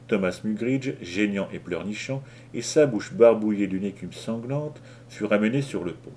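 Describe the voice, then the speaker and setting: A man reads an audiobook in a rather low voice, telling the story with a measured, dramatic delivery. There is faint noise in the background. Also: darkish tone. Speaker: audiobook narrator. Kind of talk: audiobook reading.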